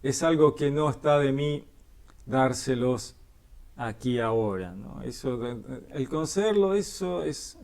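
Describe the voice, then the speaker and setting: Male Bible teacher, Rioplatense Spanish, medium pitch with lively inflection, conversational explainer. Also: measured pace, gravelly. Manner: conversational, often adds questioning tags. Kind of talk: reading and explaining scripture.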